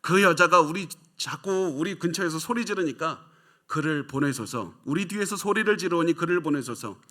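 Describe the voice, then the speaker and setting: A man's voice: normal speed, pushed and bright. Male preacher acting out irritated, impatient male disciples in a raised, complaining voice. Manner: complaining, pleading with rising pitch.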